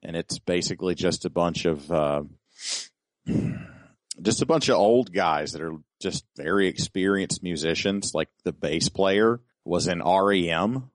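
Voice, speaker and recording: A man's voice: low-pitched, measured pace, dry recording. A man co-hosting a podcast in a casual chat, rambling and often repeating his words as he starts a thought. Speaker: podcast co-host.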